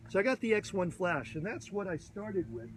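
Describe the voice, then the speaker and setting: Outdoors on a field, a photography instructor in his fifties gives a chatty, enthusiastic gear tutorial to a phone held at arm's length, rambling and restarting as he goes. His voice is high, animated and a bit hoarse from a cold, at a moderate pace over a noisy background.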